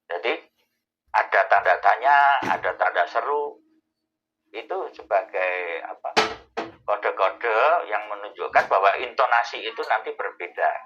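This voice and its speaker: A man, explaining answers to a host's questions in a thoughtful way, pausing often to find his words. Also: lowish voice, pushed and bright, lo-fi sound, slight background noise. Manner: thoughtful, with many pauses and fillers. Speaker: Islamic scholar answering questions. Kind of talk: explanatory Q&A talk.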